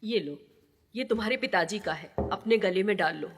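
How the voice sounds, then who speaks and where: An actress playing a calm, soothing mother figure, in a dubbed horror film. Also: medium pitch, normal speed, in a large hall, background noise, close to an everyday voice.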